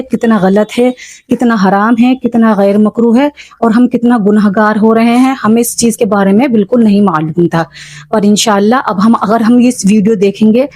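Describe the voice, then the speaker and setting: A woman. She explains patiently and repeats the example sounds slowly, recorded close and dry with no room sound. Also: on the high side, darkish tone, dry recording. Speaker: Quran recitation teacher. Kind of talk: spoken religious lesson for beginners.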